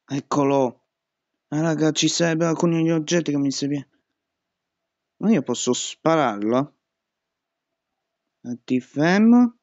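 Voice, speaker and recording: A man's voice: fairly high pitch, takes it slowly, pauses often, no room sound, lo-fi sound. A young man commentating a horror game, panicking and swearing at every scare. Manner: panicky, swearing and shouting at jumpscares. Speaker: gaming youtuber.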